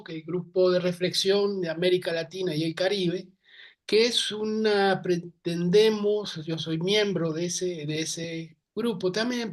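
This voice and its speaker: A man hosting, introducing a guest in a rambling way with self-corrections. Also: a little high. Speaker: host.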